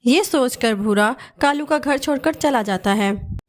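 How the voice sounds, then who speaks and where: A woman narrating a children's cartoon story in a steady, scripted storytelling manner. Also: high voice, unhurried.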